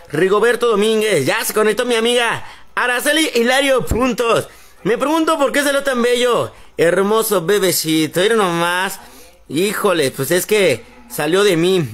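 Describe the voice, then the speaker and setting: Mexican man, high voice, livestream host, greeting fans and doting on his baby. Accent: Mexican Spanish. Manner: affectionate baby talk mixed with shout-outs. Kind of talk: casual live-stream greetings.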